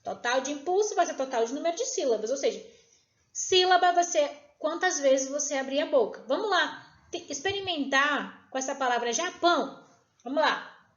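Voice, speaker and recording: A woman teacher giving a recorded lesson, patient and encouraging. She checks in often with tag questions and slows down to sound out each syllable. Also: high voice, a bit bright. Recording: echoey room, dull lo-fi sound.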